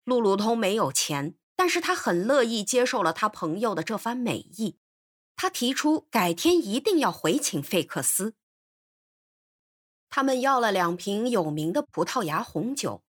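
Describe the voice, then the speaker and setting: A woman narrating a novel in an expressive, animated storytelling voice. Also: medium pitch.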